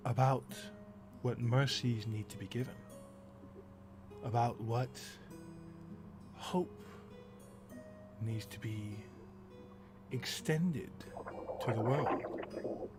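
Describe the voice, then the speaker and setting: A man's voice: medium pitch, very slow, pauses often, music in the background. A man voicing a cold royal mother who speaks in a cool, dismissive way in a tabletop game.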